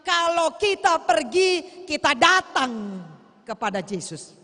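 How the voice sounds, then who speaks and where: High, bright-voiced woman preacher. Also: big pitch swings, slow. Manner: exhorting, pleading with the congregation. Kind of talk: sermon. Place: church sanctuary. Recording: long church reverb.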